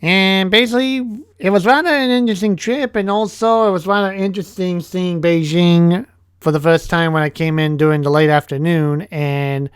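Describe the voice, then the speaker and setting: A young man telling a casual vlog story about his year, halting often and restarting his sentences. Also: high-pitched, fairly even intonation, clear, resonant tone, no room sound, studio quality. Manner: halting, with many restarts and fillers. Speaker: vlogger, English teacher.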